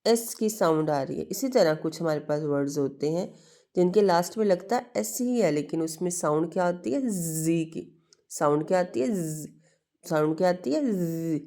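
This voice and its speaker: A woman with a low, dark-toned voice explains an English lesson to her class, patiently asking questions and answering them herself. She mixes Hindi-Urdu with English and calls her students "beta".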